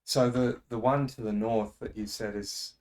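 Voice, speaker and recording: A man's voice: medium pitch, fairly even intonation, moderate pace, darkish tone. A man playing in a tabletop game, talking casually and hesitantly, thinking aloud with many ums. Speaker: player.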